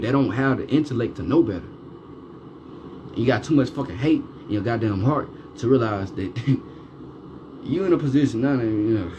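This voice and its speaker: Man ranting over steady noise. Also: mid-range voice. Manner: heavy swearing, repeated rhetorical questions. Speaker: vlogger. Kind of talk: ranting monologue.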